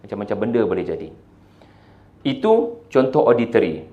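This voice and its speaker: A man with a Malaysian Malay accent giving a religious lecture, moving between loud, emphatic points and quiet, soft talk, with English words mixed in. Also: fairly low pitch, huge pitch swings, moderate pace, narrow, tinny audio. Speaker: Islamic preacher.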